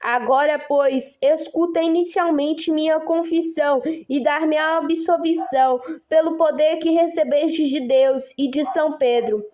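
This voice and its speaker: A woman reading the words of a devout, tender old queen near death, in her own gentle voice. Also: high voice, fairly even intonation, a little slow, hardly any pauses.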